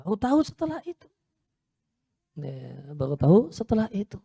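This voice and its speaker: Male preacher, warm storytelling delivery, dry recording. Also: high voice, big pitch swings, moderate pace, creaky, husky, no room sound. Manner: storytelling, repeats phrases for emphasis. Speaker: Islamic preacher. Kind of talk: sermon lecture. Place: Islamic boarding school.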